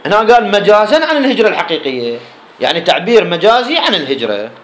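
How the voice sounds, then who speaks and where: Quick Iraqi man lecturing, echoey room. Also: high-pitched, big pitch swings, fairly bright tone. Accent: Iraqi Arabic. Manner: explains line by line, asks and answers his own questions. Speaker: teacher of Islamic jurisprudence. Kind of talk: classroom lecture explaining a text.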